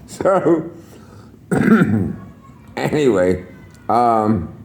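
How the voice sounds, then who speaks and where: An older man, a retired air traffic controller, telling stories to camera in a salty, swearing, lively way. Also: fairly low pitch, extremely slow. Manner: salty, swears freely, chuckles, lively storyteller. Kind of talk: casual storytelling to camera.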